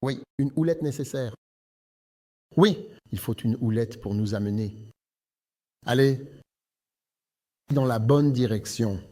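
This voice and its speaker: A man's voice: mid-range voice, slow pace, pauses often, mellow. A male pastor preaching a sermon, emphatic and speaking directly to the congregation.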